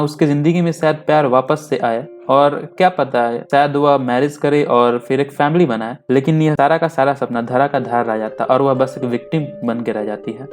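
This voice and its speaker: A man hosting a film explainer channel, narrating a movie recap in a steady voice-over and mixing in English terms. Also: on the high side.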